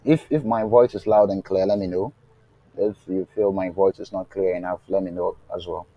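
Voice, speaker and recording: In this live online coding lesson, the instructor keeps asking the class "what?" so they can supply the answer, and checks whether they're keeping up. His low voice is steady, and he speaks slowly and deliberately with fillers and restarts. The audio is dry with highs cut off, and he grows faint at times on the remote link.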